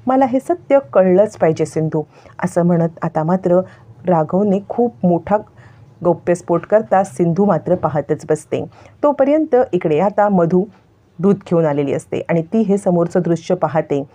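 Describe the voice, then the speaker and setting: A woman's voice: on the low side, normal speed, warm tone. A woman retelling the scenes of a television serial as a story, voicing the characters' lines along the way. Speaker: narrator.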